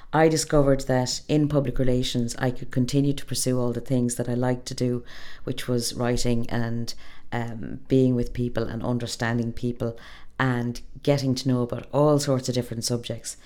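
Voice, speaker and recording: A middle-aged woman with a west of Ireland accent giving thoughtful, conversational interview answers, pausing to find her phrasing. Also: a bass voice, darkish tone. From Galway, west of Ireland. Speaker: interview guest, public relations professional.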